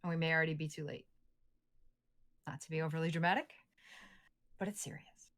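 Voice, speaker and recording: Woman player in a tabletop role-play, low voice, wry and joking. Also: steady tone, a little fast, fairly bright tone. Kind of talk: playing a tabletop game.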